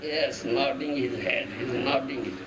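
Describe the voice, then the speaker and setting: A man's voice: mid-range voice, normal speed. A man with an Odia accent giving a sermon, teasing his listeners with questions and laughter and breaking into sung verses. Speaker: guru giving a lecture. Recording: echoey room with background noise.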